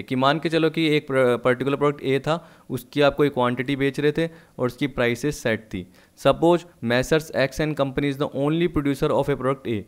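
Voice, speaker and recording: A man teaching an economics lesson, explaining step by step and slowly reading out textbook lines in English. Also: mid-range voice, clean tone. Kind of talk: recorded online lesson.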